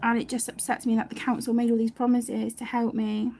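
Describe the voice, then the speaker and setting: Speaking fairly quickly in a fairly high, warm but flat voice, a British woman chats loosely on her adult colouring stream. She's rambling and talkative, regularly abandoning sentences halfway through.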